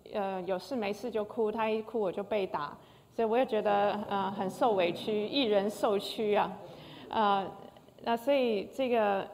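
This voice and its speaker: An older woman, a concert pianist, gives an emotional personal testimony, hesitating often. Her mid-range voice is a little mellow, and long hall reverb colours the recording.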